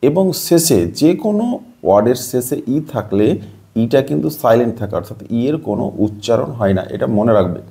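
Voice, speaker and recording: A man from Bangladesh explains a pronunciation lesson. He is patient and repetitive, spelling words out sound by sound. His pitch moves in a lively way and his tone is mellow. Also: a little fast, gravelly. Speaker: English teacher.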